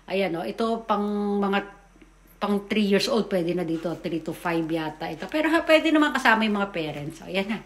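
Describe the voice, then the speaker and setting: A chatty woman talks over her family video, keeping the tone casual and loose. She sits at a mid pitch, and her voice rings a little in a roomy space. She trips over her words now and then and keeps tossing in little tag questions. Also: animated, normal speed. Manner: chatty, tags lines with "o, di ba?"; stumbles over words and admits it. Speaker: family vlogger and mother.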